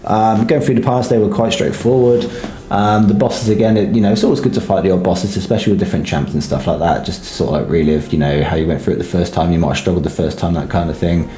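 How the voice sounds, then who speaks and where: A gaming guide creator with a sore throat gives casual, low-key game commentary, hesitating a lot and filling gaps with ums. His voice is warm and he talks fast. The recording has a roomy echo.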